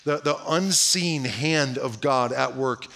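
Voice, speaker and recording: A pastor delivers a sermon in a bright, forward voice that sits at an ordinary male pitch. He presses his listeners with one direct question after another. He repeats and restarts phrases and often lets the ends of lines fall almost to a murmur. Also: takes it slowly, creaky. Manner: drops to a hushed voice at the ends of phrases.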